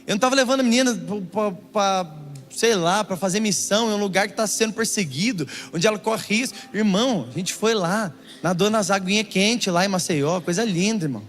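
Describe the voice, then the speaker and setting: A young pastor from Brazil with a high voice, preaching through a comic story in an animated way. His words ring out in a church hall with long reverb. Soft music plays underneath. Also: a little fast. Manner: animated, keeps calling the listener brother. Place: church auditorium.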